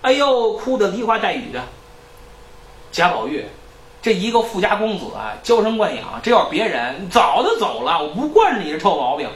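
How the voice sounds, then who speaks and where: A man lecturing in a lively storytelling style, acting out characters' lines. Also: high voice, moderate pace, roomy sound, far from the mic, a little hiss or hum, low-quality recording.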